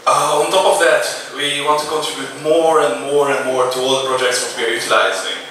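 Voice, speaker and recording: A man's voice: medium pitch, steady tone, fairly quick, bright, forceful tone, slight background noise. A man in his thirties giving a casual, hesitant keynote talk on a large auditorium stage, speaking into a handheld mic with many "uh" fillers. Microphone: handheld mic, filmed from far back. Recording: echoey hall, distant camera mic.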